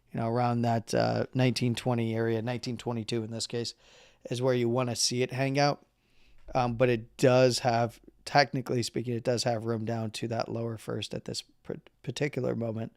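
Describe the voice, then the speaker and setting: A man hosting a live market analysis stream who is losing his voice, talking casually through chart levels with halting fillers and the odd throat-clear. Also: medium pitch, a little mellow, dry recording, clean studio sound. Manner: halting, with fillers and number readouts; clears throat and coughs now and then.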